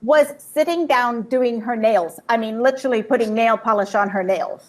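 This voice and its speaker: A woman with a fairly high voice recounts a personal story in short, vivid bursts. She stops after each phrase so an interpreter can follow. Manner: vivid storytelling, pausing for translation. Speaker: guest speaker. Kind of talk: personal testimony with live interpreter.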